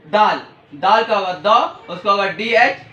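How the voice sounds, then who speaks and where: Male language teacher, high and bright voice, repetitive question-and-answer drilling, recorded off-mic with room echo. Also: a little slow, muffled recording. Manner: call-and-response drilling, asks and answers his own questions. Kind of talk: classroom-style alphabet lesson. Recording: echoey room, distant mic.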